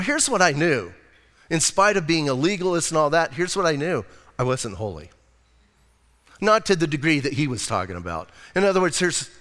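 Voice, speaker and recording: A man's voice: mid-range voice, fairly bright tone. An older man preaching a sermon as a pastor, conversational and emphatic, with frequent casual asides. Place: church sanctuary. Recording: long church reverb.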